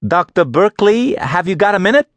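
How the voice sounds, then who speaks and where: A man's voice: high-pitched, big pitch swings, fairly quick, dry recording, voice pushed up. A young woman on an archaeological dig speaks up in a voice lifted far above the reader's own, as a man puts her on. The recording is close and dry, with nothing behind it. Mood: pleading. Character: young woman, frustrated junior archaeology student.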